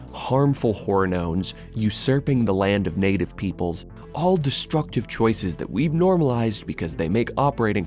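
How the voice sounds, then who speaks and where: A video essayist and channel host narrates a scripted video essay in an emphatic, dramatic style over background music. His voice is fairly low in pitch and a little mellow.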